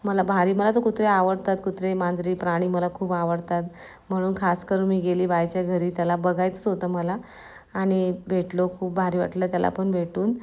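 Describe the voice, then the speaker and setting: A woman from Maharashtra narrating a casual vlog in a hoarse voice that is giving out, chatting straight to her viewers. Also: on the low side, flat delivery, brisk, darkish tone. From Maharashtra, India. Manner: chatty, addresses viewers directly. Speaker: vlogger.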